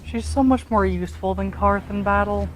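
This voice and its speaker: A woman's voice: mid-range voice, moderate pace, a little hiss or hum, low-quality recording. Teasing young woman chatting over gameplay. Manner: chatty, teasing, tells anecdotes. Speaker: gameplay co-commentator. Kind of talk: casual gameplay chat.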